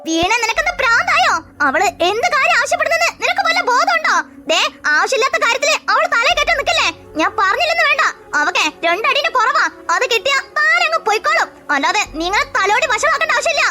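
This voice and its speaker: A voice actor playing a firm young man in a cartoon who scolds fast and insists. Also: extremely high pitch, sing-song. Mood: firm, irritated. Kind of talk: cartoon voice acting.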